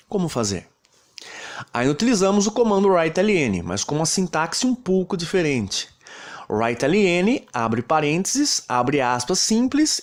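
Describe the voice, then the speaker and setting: A Brazilian man teaches a programming class, walking through each step at an even rate. His voice sits a little high, and his pitch rises and falls a lot as he explains. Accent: Brazilian Portuguese. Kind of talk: recorded lesson narration.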